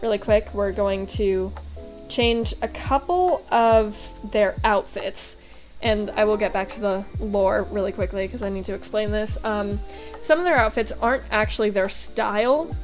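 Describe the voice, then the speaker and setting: A woman's voice: medium pitch, a little slow. Young woman, American accent, casual rambling voice-over, lots of fillers, faint music behind. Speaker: game vlogger.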